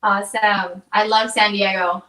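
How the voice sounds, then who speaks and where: A chatty young woman from Hawaii, a guest singer-songwriter, talks upbeat in a casual interview and acts out what people said to her. Her medium-pitched, sharp voice has little pitch movement and a measured pace. Sitting back from the mic, she rings around an echoey room.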